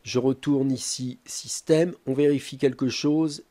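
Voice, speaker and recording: Guy walking thru a tech setup step by step, warm low-key voice, lots of little pauses. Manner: calm, hesitant, frequent filler pauses. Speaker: tech tutorial presenter. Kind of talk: step-by-step tutorial narration.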